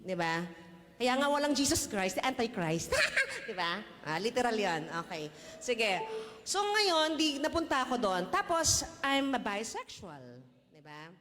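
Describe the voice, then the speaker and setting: A woman's voice: on the high side, big pitch swings, measured pace, in a large hall, a crowd in the background. A woman with a Filipino accent giving a casual personal faith testimony, chatty, laughing often and tossing in tag questions. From Philippines. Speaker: church testimony speaker.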